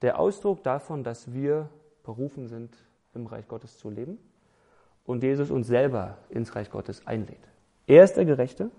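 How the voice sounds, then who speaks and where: A man preaching a sermon in a dark, gravelly voice. He speaks with emphasis and strings words into lists. He drives his points home with rhetorical questions. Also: medium pitch, lively intonation, normal speed.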